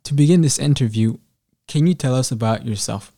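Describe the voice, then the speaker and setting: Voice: medium pitch, fairly quick, warm tone. A radio interviewer asking short, formal questions.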